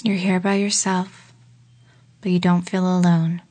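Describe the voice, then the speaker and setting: A woman leading a guided relaxation exercise in a slow, soft voice that often drops into a whisper. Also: on the low side, little pitch movement. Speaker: meditation guide.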